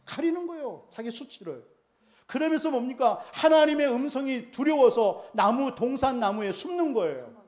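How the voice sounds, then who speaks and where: A man's voice: very high voice, expressive, moderate pace, a little mellow. A male pastor preaching a sermon emphatically, often putting rhetorical questions to the congregation.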